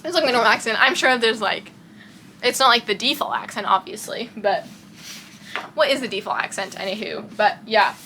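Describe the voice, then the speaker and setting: A woman's voice: on the high side, moderate pace, creaky, bright, forceful tone, a little hiss or hum, rough recording. A young woman from Texas with a light Texan accent, rambling in casual chat in her bedroom and often losing her train of thought. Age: young adult. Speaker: vlogger.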